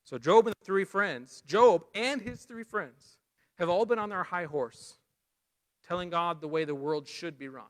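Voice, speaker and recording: A man preaching a lesson, animated, rising loud for emphasis and dropping low and quiet for key points. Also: a little slow. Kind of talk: sermon lesson.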